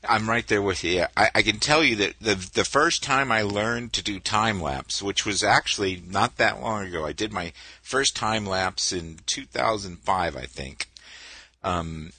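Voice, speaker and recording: A man's voice: fairly low pitch, lively intonation, unhurried, pushed and bright, dry recording. A middle-aged man hosting a podcast, upbeat with an announcer-like delivery. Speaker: podcast host. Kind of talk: casual podcast chat.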